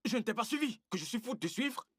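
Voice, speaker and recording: Woman voicing a husky, defensive young man. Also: fairly high pitch, lively intonation, fast talker, fairly bright tone, no room sound, clean studio sound. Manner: defensive, insistent. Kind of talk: French film dub.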